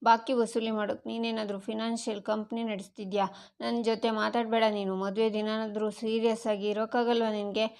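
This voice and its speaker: A woman's voice: on the high side, flat delivery, brisk, a little mellow, smooth, natural voice. A woman voicing an irritated young wife who scolds her husband. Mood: annoyed.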